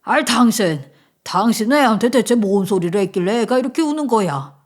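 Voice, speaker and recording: A woman voicing a hot-tempered older husband and father-in-law who scolds loudly and dotes on his daughter-in-law. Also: a little high, sing-song, a little slow, heavily acted. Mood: angry scolding. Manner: loud, scolding, blustering.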